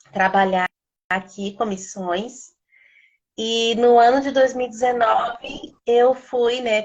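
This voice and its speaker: A woman in her thirties from Bahia, a missionary and former teacher, talking in a rambling, chatty way on a video call live stream. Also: medium pitch. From Salvador, Bahia, Brazil. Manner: chatty, rambling with many fillers. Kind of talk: casual live-stream talk.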